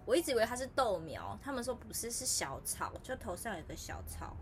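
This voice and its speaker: A woman with a Taiwanese Mandarin accent, co-hosting a podcast in casual chat, telling animated stories and acting out quotes. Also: fairly high pitch, a little fast, soft background music. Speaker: podcast co-host.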